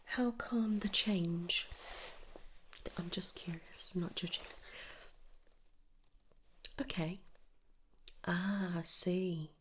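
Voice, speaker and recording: A British ASMR performer plays a dental receptionist or dentist in a medical roleplay, whispering softly and gently close to the mic. Her lowish voice is a breathy whisper and hushed, and she sounds reassuring and unhurried.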